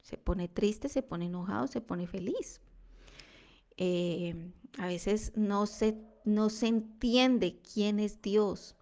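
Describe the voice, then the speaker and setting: A woman sharing a devotional testimony, earnest and reflective, sometimes dropping to a soft whisper. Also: mid-range voice, slow pace.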